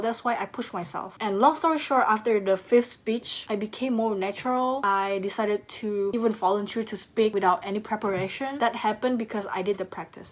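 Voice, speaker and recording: A woman talking to camera in a casual, earnest and encouraging way, giving direct self-help advice in non-native English phrasing. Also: medium pitch.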